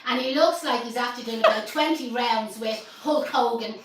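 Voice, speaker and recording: A woman's voice: fairly high pitch, normal speed, heavy reverb, far from the mic, slight background noise, rough recording. An Irish woman hosting a casual live stream, chatty and joking, laughing often. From Ireland. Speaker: host.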